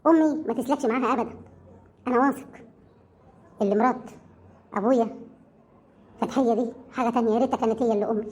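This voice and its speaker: A woman voicing a gentle, lonely young village man who speaks softly. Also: a little high, fast talker, long pauses, slightly rough, pitched below the performer's own voice. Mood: tender.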